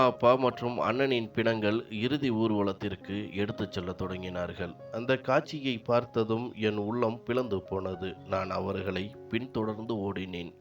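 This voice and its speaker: A man narrating a scripted first-person story, reading steadily and sorrowfully in short measured sentences. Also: on the low side.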